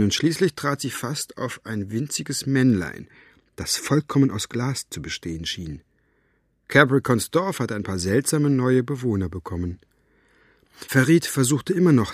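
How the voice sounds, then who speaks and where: A man narrating an audiobook with expressive, dramatic reading. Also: lowish voice, husky, dry recording, clean studio sound.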